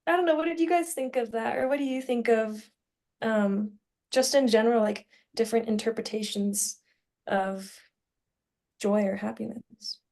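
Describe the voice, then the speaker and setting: Over a remote internet call, a young adult woman takes part in a casual student podcast discussion, speaking informally and often searching for words. Her voice is on the high side, creaky and a little mellow, at a normal speed.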